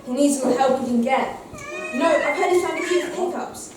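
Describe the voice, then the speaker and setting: A woman's voice: sits high, brisk, noisy background, close to an everyday voice. A woman playing a cheerful, cheese-loving comic best friend, chatting bubbly with the audience, heard far off in an echoey hall. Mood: cheery. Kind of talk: amateur pantomime, addressing audience. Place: large hall with live audience.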